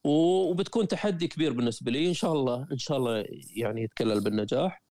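A man with a Gulf Arabic accent from Qatar, a traveler and writer talking as an interview guest, telling stories in a lively way with frequent restarts. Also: medium pitch, racing, dry recording, clean studio sound. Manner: lively storyteller, frequent self-corrections and restarts. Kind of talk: conversational interview.

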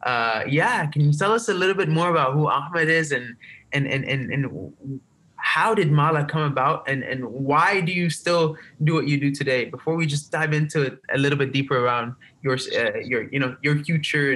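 Man as podcast host, slightly high voice, enthusiastic and rambling, remote call. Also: moderate pace, bright, forceful tone. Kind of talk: podcast interview.

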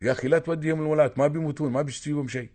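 Emirati guy calling into radio, rattles off advice super fast, keeps repeating himself. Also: on the high side, steady tone, a little mellow. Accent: Emirati Arabic. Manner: insistent, lecturing, repeats himself. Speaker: caller.

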